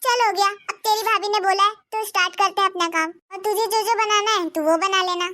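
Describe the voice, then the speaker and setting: A woman's voice: very high voice, fairly even intonation, quick pace, pushed and bright. A woman voicing a humble, caring mother-in-law in a Hindi cartoon, speaking mildly and pleading. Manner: mild, pleading.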